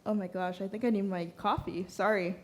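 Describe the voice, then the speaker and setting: A woman's voice: medium pitch, fairly even intonation, brisk, a little hiss or hum. A young woman directing children's programs, talking casually to a congregation in a chatty, hesitant way with many fillers.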